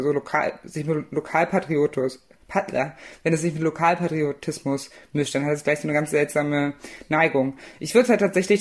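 Young woman author, low-pitched, searching for words, guest on a podcast. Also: darkish tone. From eastern Germany. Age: young adult. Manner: hesitant, many fillers and restarts. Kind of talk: conversational podcast interview.

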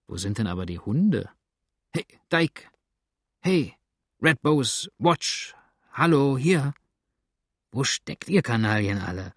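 A man voicing a gruff, irritable frontier settler who curses and shouts in an audiobook. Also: on the low side, big pitch swings, fairly quick, few pauses, no echo, studio quality, heavily acted. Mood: calling. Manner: cursing, shouting at dogs. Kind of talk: audiobook character voice.

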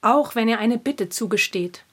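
A cheerful, husky young Juliet. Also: female voice, fairly high pitch, normal speed.

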